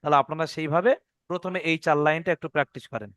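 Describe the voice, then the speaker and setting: A man's voice: a little high, very fast, a bit bright, no room sound, clean studio sound. A man teaching Quran recitation rules in an online lesson, patiently repeating each rule and checking that his students follow.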